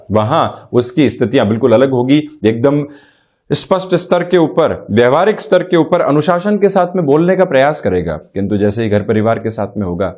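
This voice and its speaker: A middle-aged male astrologer giving a spiritual self-help talk in a measured, formal way, mixing in English terms. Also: medium pitch, darkish tone.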